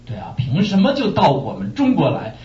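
Pastor, man from China, lively sermon voice, fairly high, heard from afar with dull sound. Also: fairly quick. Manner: animated storytelling with rhetorical questions. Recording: echoey room, distant muffled mic.

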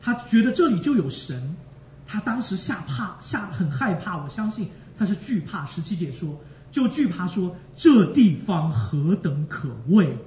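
High-voiced, animated preaching man. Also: normal speed, a little hiss or hum. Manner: emotional, repeats phrases for emphasis; addresses the congregation directly. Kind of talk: sermon. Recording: echoey, distant, dull sound.

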